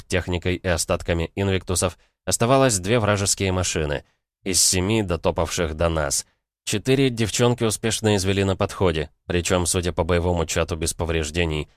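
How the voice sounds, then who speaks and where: A man's voice: low-pitched, dry recording, clean studio sound. A man narrating a first-person audiobook in a colloquial, wry tone.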